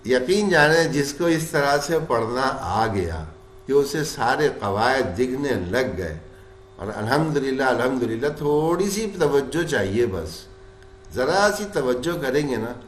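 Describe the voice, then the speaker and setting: A man teaches a tajweed lesson in a mid-pitched voice. He moves between plain explanation and slowly drawn-out chanted examples, posing questions and then answering them himself. The recording carries a roomy echo. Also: very animated, slight background noise. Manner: explains rules, then stretches words slowly in chanted recitation. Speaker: Quran recitation teacher.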